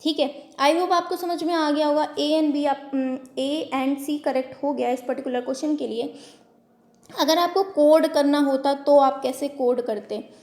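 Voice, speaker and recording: A woman coaching-class teacher explaining exam questions at a whiteboard. She reads English statements out slowly and then explains them in Hindi. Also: high-pitched, fairly even intonation, a little mellow. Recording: echoey room.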